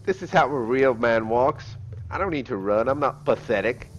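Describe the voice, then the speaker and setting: A man's voice: medium pitch, animated, normal speed, highs cut off. A man in a squad game, joking and drawling mock military radio talk and police lines. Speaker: gamer in a squad.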